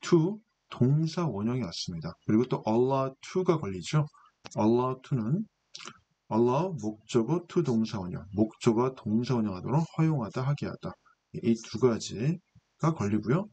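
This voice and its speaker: A man teaches an English text in a patient, explanatory way, asking himself questions and then answering them. His voice is slightly husky, and his pitch moves in a lively way as he stresses each point. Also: unhurried, lo-fi sound. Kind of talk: lecture explaining English grammar.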